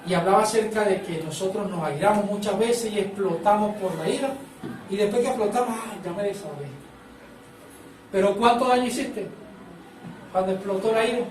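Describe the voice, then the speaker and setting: A man's voice: high-pitched, brisk, roomy sound, distant mic, a little hiss or hum, low-quality recording. A man preaching a sermon as pastor, prompting the congregation to repeat phrases back to him.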